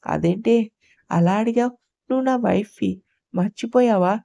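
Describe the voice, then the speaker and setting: A woman's voice: mid-range voice, normal speed, creaky, warm tone. A woman voicing a brusque, hot-tempered young husband who talks in curt, commanding bursts. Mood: pressing.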